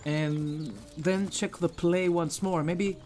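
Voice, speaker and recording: A man hosting a casual video game playthrough, reacting and thinking out loud as he goes. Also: a little high, fairly even intonation, slow pace. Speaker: gaming video host. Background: game music.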